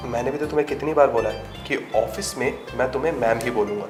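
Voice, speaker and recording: An actor playing a gentle, devoted husband who works as a security guard, speaking softly and earnestly. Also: male voice, medium pitch, fast, close to an everyday voice. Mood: tender. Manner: soft, earnest, coaxing. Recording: clear background music.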